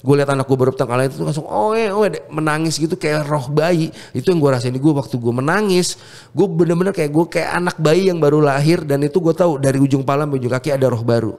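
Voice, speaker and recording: This music producer shares a personal faith story in a casual conversation, speaking fast in a slightly high voice. He's fervent and animated, and his slang is sprinkled with English words.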